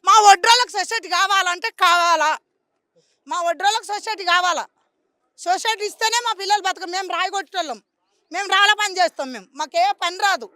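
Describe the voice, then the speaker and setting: High, bright-voiced Telangana woman pleading. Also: fast, no echo, clean studio sound. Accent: Telangana Telugu. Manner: impassioned, pleading, repeats herself. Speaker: local resident interviewed on the street. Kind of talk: street interview complaint.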